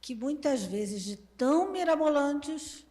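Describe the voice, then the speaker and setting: Higher-voiced Brazilian woman in a reverberant hall. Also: lively intonation, slow, warm tone. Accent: Brazilian Portuguese. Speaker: co-presenter. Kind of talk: informal lecture, brief interjections.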